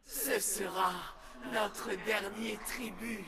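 A man playing a bitter, vengeful monstrous sorcerer in a video game cutscene, declaiming theatrically with menacing pauses. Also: sits high, steady tone, creaky, very noisy, exaggerated voice. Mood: exalted, solemn.

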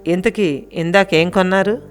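A woman voicing a hurt young wife in a Telugu audio story, speaking softly and hesitantly. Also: on the low side, normal speed, soft background music, natural voice. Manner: soft, hesitant.

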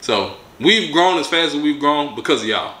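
A man's voice: fairly high pitch, lively intonation, moderate pace, pushed and bright, reverberant. A young man hosting a casual vlog from a living room sofa, laid-back but hyping up his viewers. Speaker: vlog host.

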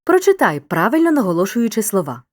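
Lively, encouraging woman teaching a lesson. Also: medium pitch, quick pace. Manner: clear, upbeat, encouraging teacher tone. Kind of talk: scripted educational narration.

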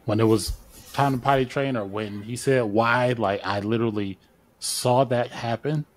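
This podcast guest, a man in his thirties, talks casually and thoughtfully at length about his views via video call. He's indoors in a home studio using a large studio mic; his voice is medium-pitched at a moderate pace, with no echo.

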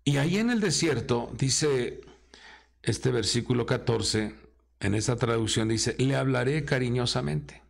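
A man preaching a sermon dramatically, his pitch rising high and dropping low as he acts out quoted voices. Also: lively intonation, a little slow, gravelly. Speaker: apostle preaching.

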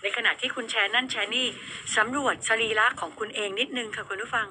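A woman's voice: a little high, fairly even intonation, fast talker, bright, forceful tone, a little hiss or hum. A woman hosting a radio show in casual chat, talking straight to her listeners. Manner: chatty, addresses listeners directly.

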